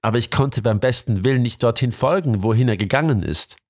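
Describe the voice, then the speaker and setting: A man's voice: mid-range voice, fairly quick, darkish tone, close to an everyday voice. Man voicing an earnest young doctor.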